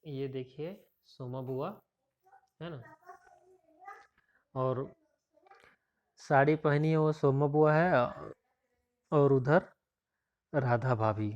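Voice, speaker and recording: A man's voice: mid-range voice, fairly even intonation, drawn-out words, long pauses, a little mellow. A male teacher reading a story aloud and explaining it, with frequent fillers and restarts. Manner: rambling with repeated fillers. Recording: dull lo-fi recording.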